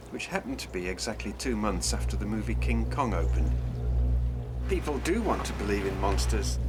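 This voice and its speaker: Very low-voiced man explaining in interview.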